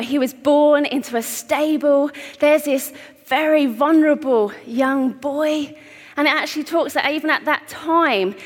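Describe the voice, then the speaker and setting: A woman preaching a sermon to a congregation, projecting her voice through a mic in a big echoing hall. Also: high-pitched. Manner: projects her voice, warm storytelling. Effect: big hall echo on her mic. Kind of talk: sermon with a handheld prop. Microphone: wearing a mic on the PA. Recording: echoey hall reverb.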